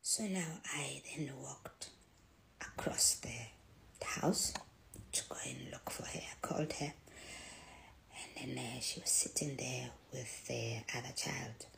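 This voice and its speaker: A middle-aged woman telling a personal story in a soft, hushed voice that often drops to a near whisper. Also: very deep voice, slow, creaky, poor audio.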